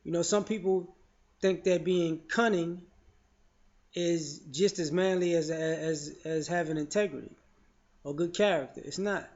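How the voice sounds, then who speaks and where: A man's voice: a little high, a little slow, a little mellow. A man giving his opinions in casual spoken commentary, frank and loose, often saying "you know" and restarting his sentences. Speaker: vlogger sharing opinions. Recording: dull lo-fi audio.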